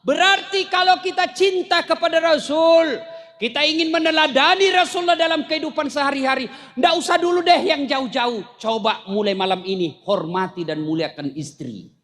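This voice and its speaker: High-voiced joking preacher man. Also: moderate pace, a bit bright. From South Sulawesi, Indonesia. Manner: storytelling with jokes, raises voice for punchlines. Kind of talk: humorous sermon to a crowd.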